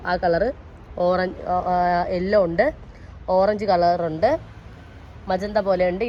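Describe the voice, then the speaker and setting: A woman's voice: medium pitch, a little hiss or hum. Chatty woman selling plants, muffled sound. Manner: chatty, urging viewers to order. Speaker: plant seller. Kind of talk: casual sales chat. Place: plant nursery.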